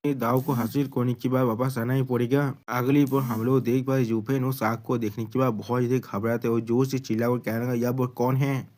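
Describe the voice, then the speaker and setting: A man with a Hindi accent narrating a manga story recap, voicing every character's lines in the same plain voice. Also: mid-range voice. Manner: flat, even delivery, quoting all characters in the same voice.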